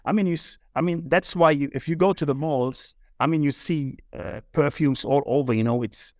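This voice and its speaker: A man's voice: a little high, moderate pace, dry recording, clean studio sound. A man raised in Germany co-hosting a podcast, chatting casually and leaning on "you know" with stammered restarts. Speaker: podcast co-host.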